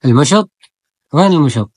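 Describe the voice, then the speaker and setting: Very low-voiced woman, playful vlogger. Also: animated, brisk, a little mellow, breathy edge, dry recording, clean studio sound. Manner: playful and coaxing, repeating admiring exclamations. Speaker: family vlogger filming children. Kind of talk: casual family vlog commentary.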